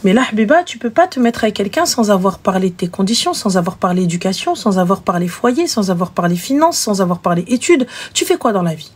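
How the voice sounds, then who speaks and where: A woman hosting a live show, giving frank, animated relationship advice and acting out little scenes. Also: medium pitch, fast, hardly any pauses, husky. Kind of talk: casual advice chat.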